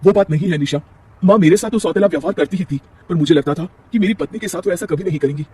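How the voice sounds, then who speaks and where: A man voicing a gentle, patient young husband who speaks calmly. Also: high-pitched, fast, distant mic, slight background noise, natural voice. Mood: calm, hurt.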